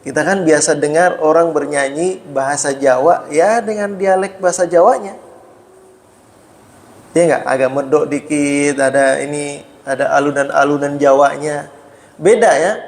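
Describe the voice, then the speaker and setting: A man preaching in a mosque, explaining Arabic terms and asking his listeners questions, with "ya" after nearly every phrase. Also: a little high. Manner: explains Arabic terms slowly, frequent "ya" tags; asks listeners rhetorical questions. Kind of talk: mosque study talk. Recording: echoey mosque hall.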